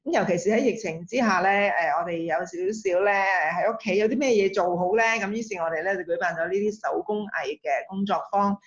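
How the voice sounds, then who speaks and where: A woman's voice: medium pitch, fast talker, few pauses, highs cut off. A woman hosting an online workshop by video call, friendly and hesitant, with many fillers and easy laughter. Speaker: workshop host. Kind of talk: bilingual online introduction. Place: indoor office.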